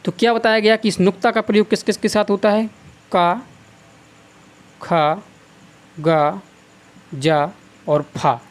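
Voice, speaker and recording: This classroom lecture is a Hindi grammar lesson from a male teacher with a North Indian accent and a high-pitched voice. Posing questions that he then answers on his own, he drills each sound by repeating it slowly.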